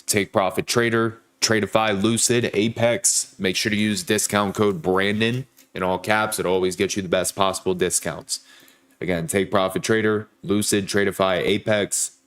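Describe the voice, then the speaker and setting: Sounding congested and nasal from a sore throat, this young man hosts a casual trading livestream chat. His lowish voice has a slight brightness, and he greets viewers by name while hyping likes.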